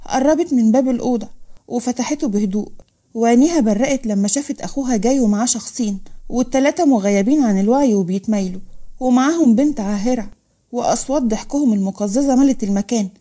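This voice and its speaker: A woman with an Egyptian Arabic accent narrating a scripted romance story in a smooth, steady reading voice. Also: fairly high pitch.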